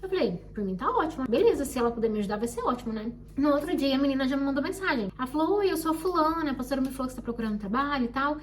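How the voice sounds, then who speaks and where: Brief: young Brazilian woman, high voice, quick and expressive personal storytelling, slightly distant mic with faint hum. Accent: Brazilian Portuguese. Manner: animated, expressive, acts out quoted people. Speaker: vlogger. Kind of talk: casual storytelling.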